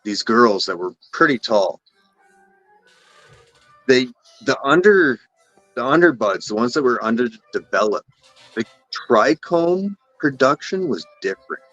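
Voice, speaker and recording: A man's voice: mid-range voice, big pitch swings, a little slow, pauses often, fairly bright tone, no room sound, muffled recording, faint music behind. A man with a Canadian accent, a guest on a casual live stream, talking in rambling, self-correcting runs and swearing casually. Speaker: guest cannabis breeder.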